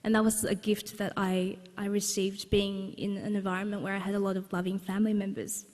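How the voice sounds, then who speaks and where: At a book launch in a big exhibition centre hall, a young adult woman from Australia, an author, recounts something personal in an earnest, chatty way full of restarts. Her mid-range voice barely moves in pitch, and her delivery is brisk with a darkish tone. Long hall reverb is audible.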